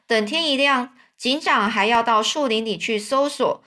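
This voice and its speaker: A woman's voice: a little high, moderate pace, sharp tone. A woman voicing a kindly, talkative old man in a storybook reading. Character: kind old man, warm father.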